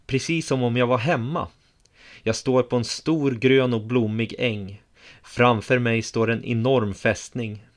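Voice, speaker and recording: Steady male storyteller, middle pitch. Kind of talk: scripted first-person story narration.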